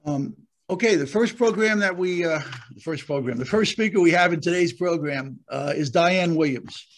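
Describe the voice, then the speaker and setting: A man, a county prosecutor, hosting a virtual conference over a video call while losing his voice, speaking haltingly with frequent fillers and restarts. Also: fairly high pitch.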